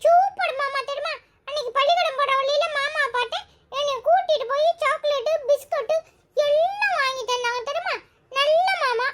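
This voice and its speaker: A woman voicing a chatty, teasing little village boy in a cartoon, with a squeaky, giggly voice. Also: moderate pace, fairly bright tone. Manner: teasing, rambling, singsong. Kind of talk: cartoon storytelling.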